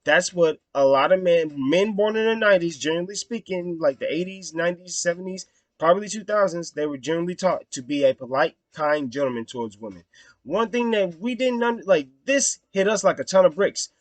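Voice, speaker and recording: A young man talks straight to the camera in a loose, rambling way. His voice sits a little high, and he swears freely. The sound is dry and close, with no room around it. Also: brisk, no echo. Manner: blunt and profane, with frequent fillers. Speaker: vlog host reviewing a film. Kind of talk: casual rambling commentary.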